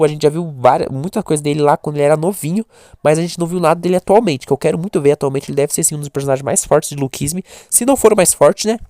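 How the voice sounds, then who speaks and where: A young Brazilian man with a mellow, slightly high voice offers casual talking-head commentary on webtoon characters. He rambles, corrects himself, and uses many fillers and restarts. The recording is dry and studio quality.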